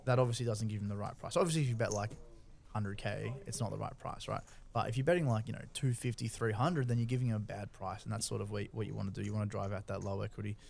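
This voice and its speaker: A man's voice: lowish voice, fairly even intonation, fast, vocal fry, darkish tone. A man giving informal, explanatory strategy analysis as a poker co-commentator, often checking that the listener follows.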